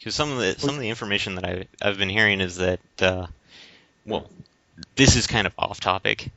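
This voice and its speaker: An American man co-hosts a podcast, casually explaining his opinions in a hesitant, meandering way. His voice is fairly low, a bit quick, pushed and bright, with no room sound, though the lo-fi audio is dull.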